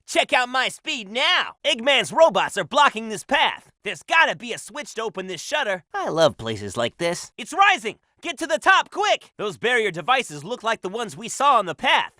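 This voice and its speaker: High, cocky young hedgehog hero. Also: male voice, normal speed, few pauses, dry recording, clean studio sound, full character voice. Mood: upbeat, determined. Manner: brash, energetic, confident. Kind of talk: video game voice acting.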